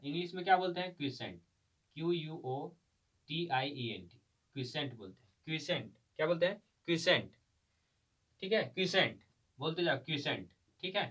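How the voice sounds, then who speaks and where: A man's voice: on the high side, a bit bright. A man teaching a math class, quizzing students with repeated questions and spelling out terms letter by letter. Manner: drills terms with call-and-response questions. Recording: distant dull lo-fi recording.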